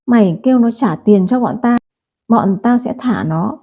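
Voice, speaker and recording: A woman's voice: on the high side, lively intonation, normal speed, warm tone, husky. A woman voicing a crude thug loan shark. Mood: menacing. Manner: crude, abusive threats. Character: brutal male loan-shark gang boss, threatening. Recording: tinny phone-like audio.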